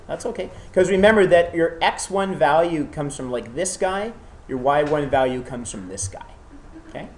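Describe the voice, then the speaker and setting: Despite having a cold, a math teacher gives a lecture to the class in a medium-pitched voice. Encouragement comes often, as do check-ins with the students.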